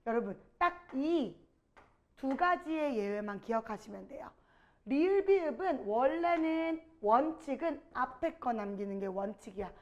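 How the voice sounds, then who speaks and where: A woman teaching a grammar lesson, quizzing her students and drawing out each example word slowly. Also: high voice, expressive, a little mellow, lo-fi sound.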